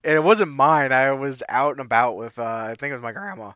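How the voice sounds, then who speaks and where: A man with a bright, tense voice who cuts in with quick jokes during a casual podcast chat. He is recorded on a dull, lo-fi mic with no room echo at all, and his pitch runs a little high. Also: lively intonation, smooth. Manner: quick joking interjections. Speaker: podcast co-host.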